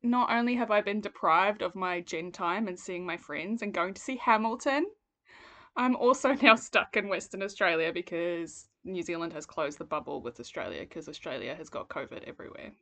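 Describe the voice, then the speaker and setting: A woman's voice: on the low side, moderate pace, fairly bright tone. A woman co-hosting a casual book podcast, talking informally with a wry, self-dramatising manner. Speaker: podcast co-host.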